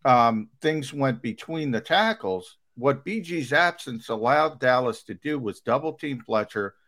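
Lively-voiced man hosting sports talk. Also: medium pitch, unhurried. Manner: searching, questioning, conversational.

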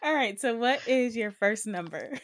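A woman's voice: fairly high pitch, lively intonation, normal speed. A young adult woman hosting her own podcast, talking in a reflective, casual way with frequent ums. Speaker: podcast host.

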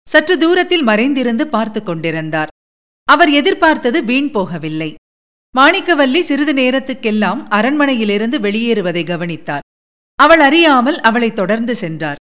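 Woman audiobook narrator, fairly high pitch, measured expressive storytelling.

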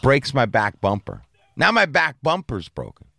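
A man with a gravelly, fry-heavy voice tells a rambling story with plenty of swearing, sitting close to the mic. The sound is dry and close, and he slips in and out of the voices of the people in his story. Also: medium pitch, moderate pace, no echo. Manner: animated, swearing, acting out quoted people. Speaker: podcast storyteller. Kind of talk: casual storytelling with profanity.

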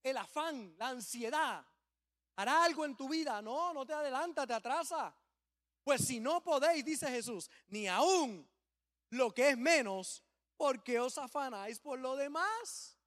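Man, pastor preaching, very high voice, sudden loud swells. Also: animated, a little slow. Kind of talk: sermon.

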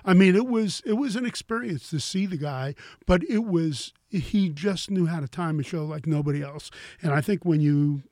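Relaxed older man telling music stories. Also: fairly high pitch, normal speed, hardly any pauses, no room sound, studio quality. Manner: relaxed storyteller, lots of "you know". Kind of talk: casual chat about guitar and music.

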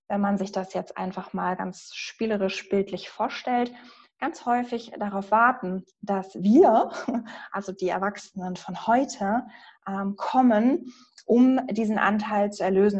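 A woman coach explaining inner-child work in a calm, gentle way during a podcast conversation. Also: medium pitch. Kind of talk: podcast interview answers.

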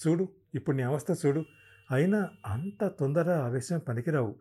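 A man's voice: a little high, expressive, moderate pace, mellow, husky, voice pushed up. A man doing a nosy, preachy old neighbor. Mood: lecturing. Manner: prying and preachy. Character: older male neighbor, nosy, lecturing.

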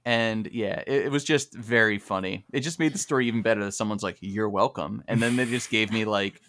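A man's voice: on the low side, fairly quick, fairly bright tone. A man in casual group chat, talking in a jokey way.

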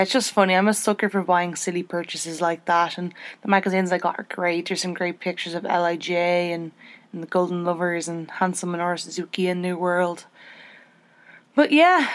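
A young woman hosting a podcast in casual chat, chatty and self-deprecating, her pitch jumping up when she gets excited. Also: dry recording. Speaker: podcast host.

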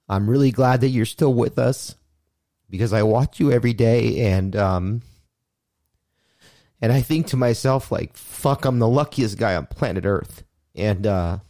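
Low, mellow-voiced man speaking from the heart. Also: no room sound, clean studio sound. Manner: earnest, heartfelt and candid, with casual swearing. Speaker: podcast co-host. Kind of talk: casual podcast monologue.

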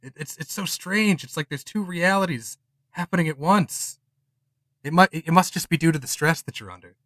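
Male game master, improvised tabletop storytelling, halting repetitions, bright forceful voice, dry recording. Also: on the high side, no echo. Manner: halting, repeats words as he improvises.

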